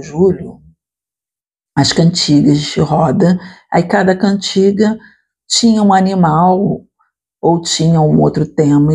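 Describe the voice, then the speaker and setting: A woman teacher walks her listeners through an explanation, often stopping to check they follow. Her voice is mellow and soft, with a slight husky edge. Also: low voice. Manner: explanatory, addresses listeners directly with frequent "tá?" and "né?". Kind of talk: explanatory lecture.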